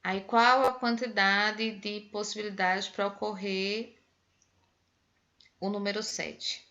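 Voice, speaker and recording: A woman's voice: medium pitch, level tone, takes it slowly, fairly bright tone. Woman, Pernambuco Brazilian accent, math teacher, online class, patient step-by-step counting, dull lo-fi video call audio. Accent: Pernambuco Brazilian Portuguese. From Northeast Brazil.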